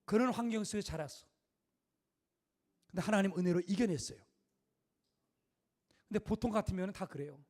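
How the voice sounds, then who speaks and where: A man's voice: sits high, lively intonation, moderate pace, pauses often, darkish tone. A middle-aged male pastor preaching a sermon in a conversational, emphatic way, full of rhetorical questions.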